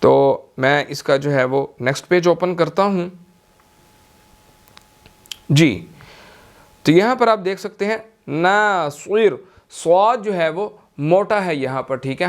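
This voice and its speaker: Slow, patient male Quran teacher. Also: fairly high pitch, lively intonation. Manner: patient, repeats each verse slowly, says "theek hai" often. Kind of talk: slow step-by-step recitation lesson.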